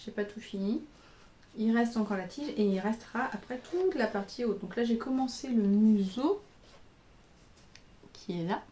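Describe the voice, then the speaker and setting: Her warm, high-leaning voice moves at a moderate pace with frequent pauses. A fatigued woman in her thirties who designs knitting patterns and podcasts, she chats informally on her crafting video podcast, showing her work on camera with hesitant, filler-heavy speech.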